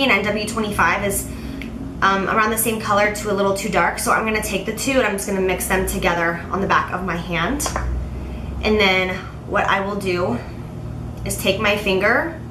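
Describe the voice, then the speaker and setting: A woman with a nasal, congested voice giving a casual, chatty makeup tutorial to camera, speaking directly and emphatically to viewers. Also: mid-range voice. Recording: roomy echo, faint background noise.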